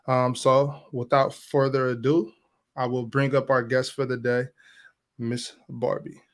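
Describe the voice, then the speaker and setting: A man's voice: mid-range voice, flat delivery, unhurried. Male host, casual interviewer, hesitant and rambling delivery. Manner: hesitant, lots of ums and restarts. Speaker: podcast host.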